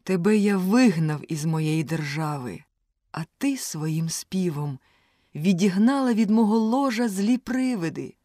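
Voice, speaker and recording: A woman's voice: on the low side, animated, unhurried, dark tone, no echo, studio quality. A woman voicing a dying old emperor who pleads and cries out. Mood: grateful. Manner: pleading, crying out.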